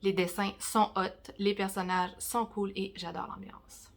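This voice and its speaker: A woman in her forties with a Québécois accent, giving a casual, rambling review of her month's reading, with self-mocking asides and some soft whispered comments. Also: medium pitch, flat delivery, a little slow, gravelly. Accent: Québécois French. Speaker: book vlogger.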